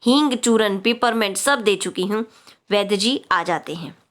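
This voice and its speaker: A woman's voice: mid-range voice, expressive, measured pace, natural voice. A woman reading aloud the lines of a fretful, fussing mother worried about her sick son.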